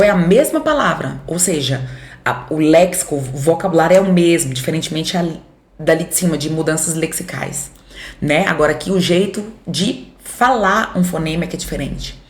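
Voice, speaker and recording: A Brazilian woman teacher with a Center-West accent gives a recorded grammar lesson, explaining step by step, checking in with her students and voicing their imagined questions. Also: fairly low pitch. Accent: Brazilian Portuguese, Center-West. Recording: echoey room.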